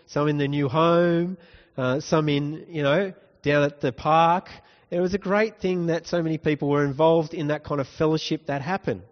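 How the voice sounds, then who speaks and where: A male pastor giving a conversational sermon, often asking the congregation questions. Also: on the high side. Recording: dull recording with long hall reverb.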